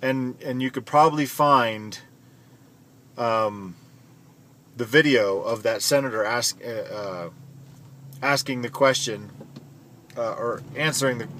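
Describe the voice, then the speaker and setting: A man's voice: mid-range voice, sharp tone. Man talking in a car, road noise. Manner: conversational, rambling, with restarts. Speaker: vlogger. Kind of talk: casual talk while driving.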